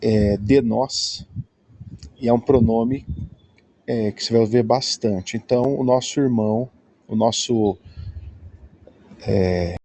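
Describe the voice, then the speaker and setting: A man's voice: mid-range voice, mellow, no room sound. A Brazilian man giving a patient, explanatory lesson, often checking in with his listeners. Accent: Brazilian Portuguese. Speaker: Greek teacher.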